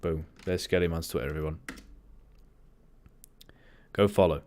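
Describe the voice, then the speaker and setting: A man hosting a livestream, chatting casually in a monotone way and often drifting off topic. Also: extremely low pitch, normal speed, slight background noise. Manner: rambling, easily sidetracked. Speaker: livestream host.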